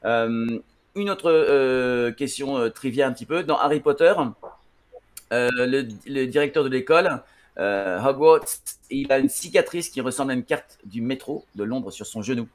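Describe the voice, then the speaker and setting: A man's voice: mid-range voice, expressive, moderate pace. Man teaching with many ums. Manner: hesitant, many fillers and restarts. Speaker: English teacher on a TV show. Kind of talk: classroom-style TV lesson.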